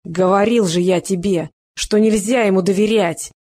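A woman reading aloud does a gruff young thief who barks at his own brother. The voice is blustering and quarrelsome and stays close to the reader's own. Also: medium pitch, normal speed, darkish tone, close to an everyday voice. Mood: angry. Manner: barking, blustering.

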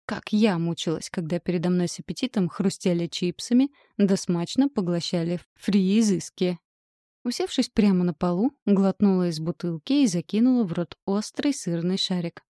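A woman reads a first-person audiobook in a wry, steady voice. Her tone is low and mellow. The sound is close and dry. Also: moderate pace, no room sound. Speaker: audiobook narrator.

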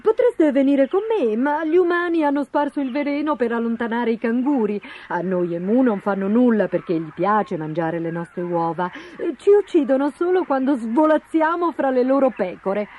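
A woman voicing a big friendly emu that talks eagerly and excitedly. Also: fairly high pitch, moderate pace, few pauses, phone-quality sound, voice pushed up.

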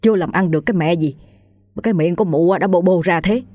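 A woman voicing a crude male dog thief who swaggers and insults, talking fast. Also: fairly low pitch, dark tone, no room sound, studio quality, close to an everyday voice. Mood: scornful.

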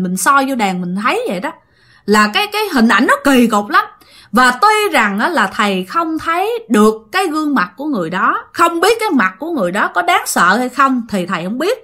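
A woman's voice: a little high, sharp tone. A woman telling a ghost story casually, chatty, with many fillers and direct asides to listeners.

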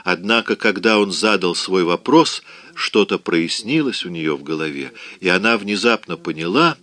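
A man narrating a novel in a measured storytelling manner. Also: deep voice, animated, sharp tone. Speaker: audiobook narrator. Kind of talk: scripted narration.

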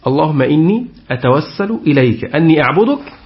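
A man's voice: a little high, lively intonation, quick pace. A man giving a Quran tafsir lesson, putting questions to his class and repeating their answers. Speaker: Quran teacher. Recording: dull lo-fi recording.

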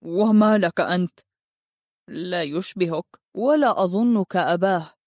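A woman voicing a husky-voiced bullying village man who speaks with anger and contempt. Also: lowish voice, unhurried, darkish tone, no room sound, clean studio sound. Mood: angry. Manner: contemptuous, angry.

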